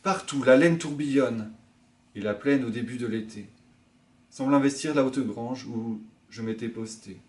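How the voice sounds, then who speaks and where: A male librarian reading a poem aloud in a quiet, hushed, measured way. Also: medium pitch. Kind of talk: poetry reading.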